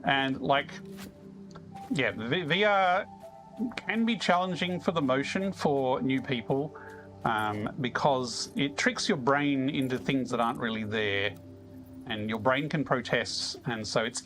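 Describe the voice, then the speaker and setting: A man's voice: mid-range voice, a bit bright. Chatty Australian man streaming a game. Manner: chatty and easygoing, chuckling often, chats with viewers. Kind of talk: casual live-stream chat while playing.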